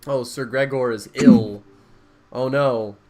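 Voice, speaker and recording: A man's voice: mid-range voice, steady tone, slow pace, dark tone, faint music behind. A man streaming a game, chatting casually with a co-host and reading game text aloud in a playful way. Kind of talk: casual game playthrough commentary.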